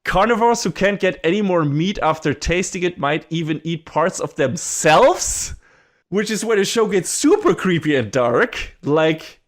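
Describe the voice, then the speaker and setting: A man's voice: high voice, big pitch swings, a little slow. A man co-hosting a podcast, chatting casually in a rambling way, swearing and laughing often. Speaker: podcast co-host.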